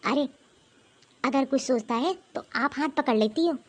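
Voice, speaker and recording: A woman's voice: high-pitched, normal speed. A woman voicing a hardworking elder daughter-in-law in a cartoon who complains bluntly. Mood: indignant. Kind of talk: cartoon voice acting.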